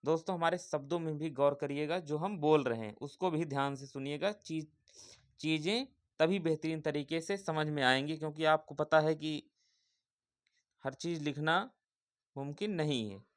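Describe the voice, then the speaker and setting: A man's voice: a little high, moderate pace. A man teaching an exam-prep spelling lesson, repeating each word and asking viewers questions.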